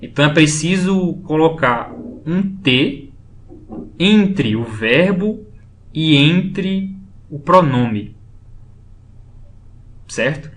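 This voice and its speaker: A man explaining French grammar in a slow, patient lesson, saying each example phrase twice. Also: on the high side, expressive. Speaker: French teacher. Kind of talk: screen-based language lesson.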